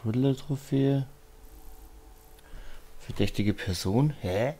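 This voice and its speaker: A man's voice: medium pitch, slow pace, warm tone. A man giving casual let's play commentary, muttering puzzled asides to himself. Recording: clear game noise behind voice. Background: video game sounds.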